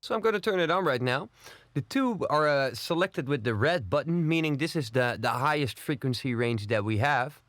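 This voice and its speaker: A man walks through an audio plugin tutorial, explaining each control in a calm, methodical order with the odd small filler. His voice sits in a middle register. The recording is dry and close, with no room sound. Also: medium pitch, normal speed, dry recording. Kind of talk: software walkthrough tutorial.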